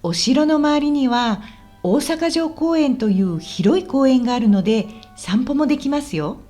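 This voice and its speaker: Playing a friendly, helpful woman who guides a visitor around Osaka, a female actor in a radio drama for language learners is in an explaining mood. Her high, very animated voice keeps a measured pace, with polite, clearly spoken explanations and faint background music.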